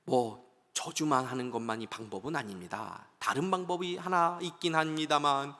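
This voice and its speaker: A fawning old prophet speaks low and humble, bowing and scraping, as a preacher puts him on. A long church reverb trails his words. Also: normal speed, bright, forceful tone. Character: meek, apologetic old prophet, greedy.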